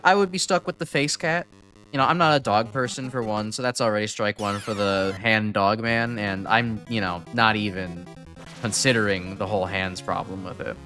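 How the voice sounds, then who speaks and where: Chatting on a game stream, this young man from Chicago rambles, chuckles and keeps correcting himself in his Chicago accent. His voice sits on the low side with a bit of brightness.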